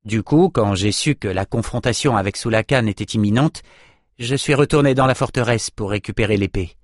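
A man reading an audiobook, voicing a calm, self-assured male hero who explains things in a matter-of-fact, wry way. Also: lowish voice, fairly quick, no room sound, clean studio sound, natural voice.

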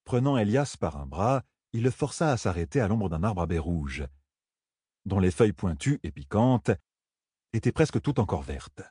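A man narrating a fantasy novel in a measured storytelling manner. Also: fairly low pitch, sing-song, warm tone, breathy edge, dry recording. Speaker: audiobook narrator. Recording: dry close studio sound.

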